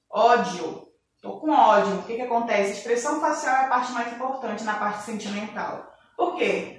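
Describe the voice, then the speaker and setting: A woman teaching an online class, explaining signs step by step and asking rhetorical questions she then answers herself. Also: medium pitch. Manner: names signs one by one while demonstrating. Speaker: sign language teacher. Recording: roomy echo from a distance, faint noise.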